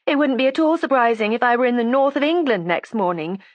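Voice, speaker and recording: A woman's voice: on the high side, expressive, fast talker, dry recording, lo-fi sound, pitched above the performer's own voice, close to an everyday voice. A woman reading an audiobook, voicing a resentful, defiant young woman with a sarcastic, combative edge. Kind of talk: audiobook character voice.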